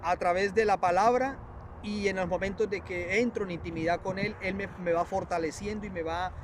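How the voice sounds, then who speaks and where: A preacher telling a religious testimony in a halting, repetitive way, often addressing his listeners as brothers. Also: high voice, fairly even intonation, background noise. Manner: earnest, repetitive, halting storytelling with many restarts.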